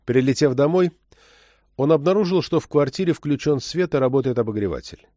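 A man reading an audiobook novel in a steady, measured narrating voice. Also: medium pitch, no room sound, studio quality. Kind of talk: scripted narration.

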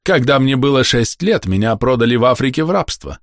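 A man reading an audiobook, voicing a proud old man who speaks slowly and solemnly. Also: medium pitch, animated, dry recording, clean studio sound, voice pushed up, natural voice. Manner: slow, solemn. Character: dignified old freed man, proud and calm.

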